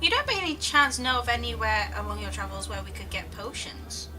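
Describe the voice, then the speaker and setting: A woman's voice: fairly high pitch, animated, brisk, music in the background. A woman playing a tabletop game with friends, joking, laughing and swearing casually. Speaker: player.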